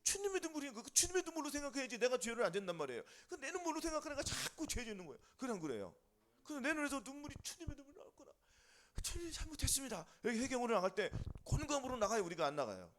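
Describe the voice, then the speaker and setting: A man with a high voice preaches in a fast, lively way that swings widely in pitch. He keeps firing questions at the congregation and answering them himself, in the rhythm of a fervent sermon. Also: a little hiss or hum. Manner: call-and-response questions to congregation, rising and falling emphatically. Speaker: pastor.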